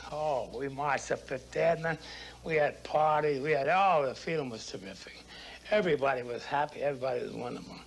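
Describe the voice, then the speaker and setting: A man's voice: on the high side, gravelly, a little hiss or hum, rough recording. An elderly man, an old veteran remembering in an interview, plainspoken and given to short repeated phrases. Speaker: war veteran. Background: music.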